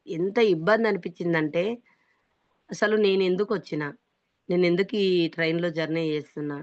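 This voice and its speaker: A woman's voice: fairly low pitch, no echo. A woman with a Telangana accent gives a motivational business testimony in an earnest, emphatic way. She often stresses her own sincerity. The recording is dry and dull, with a lo-fi muffled tone. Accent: Telangana Telugu. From Hyderabad, India.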